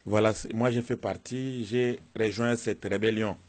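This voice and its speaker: A man interpreting testimony in court with a steady, quiet delivery. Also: lowish voice, measured pace, background noise.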